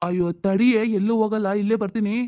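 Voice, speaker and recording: A woman doing a low, casual husband. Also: steady tone, racing, narrow, tinny audio, lightly acted. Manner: casual, matter-of-fact, dropped into a low register. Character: grown man, husband, easygoing and brisk. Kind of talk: home-made family drama.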